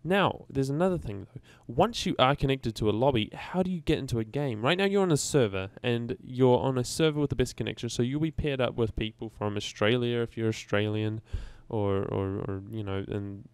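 A man talks through a game-coding tutorial in a loose, rambling way, often catching and correcting himself mid-sentence. His voice is gravelly yet clear and resonant. The sound is dry and close, with no room echo. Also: mid-range voice, brisk, few pauses. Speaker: game development tutorial host. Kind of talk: casual screen-recorded coding tutorial.

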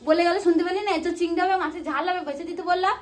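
A woman trading sharp insults in a staged family quarrel. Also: very high-pitched, fairly even intonation. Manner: shouting, insulting, fast and sharp. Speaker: family comedy vlogger. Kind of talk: scripted family quarrel sketch.

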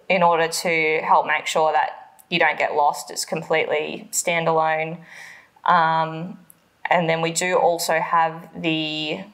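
A woman's voice: low-pitched, a bit bright. A woman in her thirties with an Australian accent, co-hosting a travel vlog from her living room, chatting casually with lots of ums. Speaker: vlog co-host. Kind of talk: casual explainer chat.

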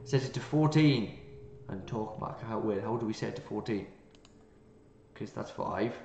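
Here the same kind of let's play has a man with a lowish, slightly mellow voice at a moderate pace, reading in-game text and reacting with jokes. Slight background noise mixes with game music, and the sound is roomy and a bit dull.

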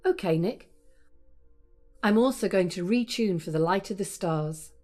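A woman playing a calm spacecraft captain, narrating a scripted planetarium tour with a steady, measured cadence. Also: mid-range voice, soft background music, close to an everyday voice. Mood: calm, guiding.

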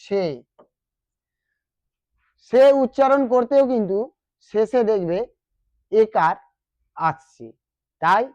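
Slow, deliberate teacher with a West Bengal accent. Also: medium pitch, no room sound, highs cut off. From West Bengal, India. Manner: deliberate, repeats key terms, asks students questions. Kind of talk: explaining a grammar lesson to students.

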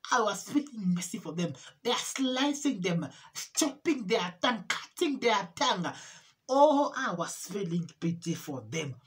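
A woman giving an emotional religious testimony, repeating herself and pleading, her voice rising into cries and halting with restarts. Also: medium pitch. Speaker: testimony speaker.

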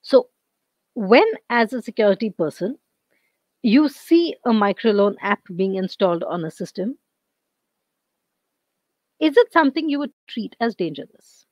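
A woman lecturer with an Indian English accent teaching over a video call, her voice going hoarse and her throat often cleared. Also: on the high side, expressive, measured pace, pauses often, a little mellow, no room sound. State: losing her voice. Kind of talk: online lecture.

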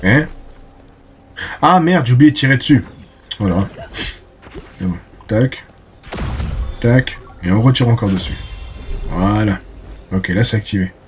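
A man's voice: fairly low pitch, lively intonation, unhurried, pauses often, slight background noise. A man giving casual let's play commentary, chatty and talking to himself, exclaiming and cursing as he fights. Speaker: gameplay commentator.

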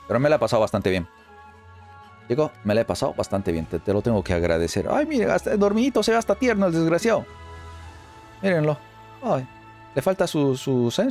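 Excitable man commentating gameplay. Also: medium pitch. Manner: excitable, chatty, repeats phrases rapidly in bursts. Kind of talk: let's play commentary. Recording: faint game music underneath.

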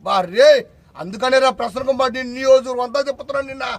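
A man, a local party leader giving a heated, confrontational press conference statement and repeatedly shouting insults. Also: very high-pitched, fairly even intonation, rapid-fire.

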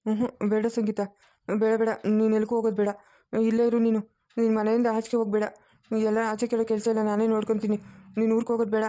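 Brief: woman voicing a coaxing relative in a cartoon, rural Chikkaballapur Kannada accent, quick and mellow. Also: a little high, monotone, no room sound, close to an everyday voice. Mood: pleading. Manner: pleading, coaxing. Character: worried family member consoling a relative. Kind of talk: cartoon family drama acting.

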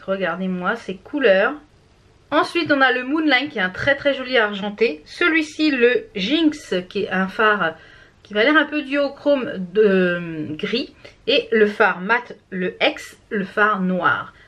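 A woman's voice: on the high side, fairly bright tone. A woman from France chatting casually through a makeup product review, with many fillers and restarts. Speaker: beauty vlogger.

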